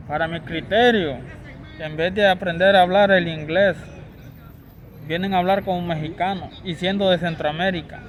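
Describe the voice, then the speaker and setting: A man's voice: high-pitched, poor audio. A young Honduran man with a Honduran Spanish accent, giving an insistent, repetitive opinion rant to camera as a vlogger, recorded outdoors by a street.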